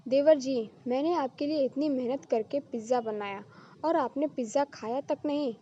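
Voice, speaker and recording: A woman's voice: high-pitched, normal speed, dark tone, breathy edge, lo-fi sound. A woman reading the lines of a jealous, clingy young wife in a storybook drama, with an insistent delivery.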